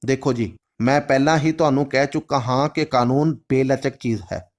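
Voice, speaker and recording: A man voicing a stern, formal male official who speaks in a measured, lawful way. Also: mid-range voice, lightly acted. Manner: formal, measured, Urdu-flavored phrasing.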